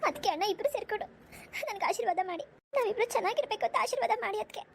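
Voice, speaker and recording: Lady doing a sobbing young bride in a cartoon, really high voice, begging her brother. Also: very fast, creaky, a little hiss or hum. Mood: pleading. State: crying. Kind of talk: cartoon voice acting.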